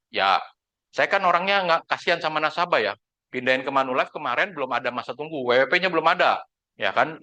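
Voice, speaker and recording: A man, an insurance agent telling his team a story in a casual, animated way and acting out the dialogue. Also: fairly high pitch. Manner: animated, acts out dialogue in quoted voices.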